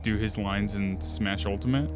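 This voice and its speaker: A man's voice: fairly low pitch, steady tone, moderate pace. A man giving casual commentary while he plays a video game. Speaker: game streamer. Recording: faint game music behind.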